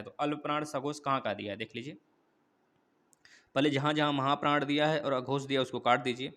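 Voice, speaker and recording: A man's voice: medium pitch, fairly bright tone. A man teaching an exam-prep quiz class, going through questions one by one and coaxing viewers for answers. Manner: repetitive, coaxing, addresses viewers as friends.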